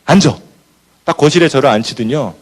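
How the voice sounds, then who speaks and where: Animated male motivational speaker. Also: medium pitch, fairly quick. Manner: animated storyteller who acts out scenes. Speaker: business leader giving a motivational talk. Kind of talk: motivational speech with storytelling.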